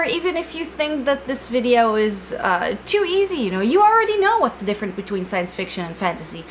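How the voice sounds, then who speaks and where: Young woman doing a book explainer vid, kinda high voice, emphatic, bit of fan noise in the room. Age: young adult. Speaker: book channel host. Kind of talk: educational explainer to camera. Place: small indoor room with bookshelves. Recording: fan hum in the background. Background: electric fan noise.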